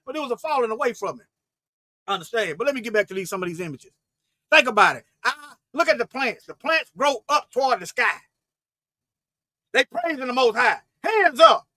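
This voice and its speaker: Man preaching on a livestream, really high voice, bright and dry, all fired up then dropping to mumbled asides. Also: expressive, a little fast, long pauses, no room sound. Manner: fervent, repetitive, with frequent restarts; swings between loud emphatic bursts and low asides. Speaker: online Bible teacher.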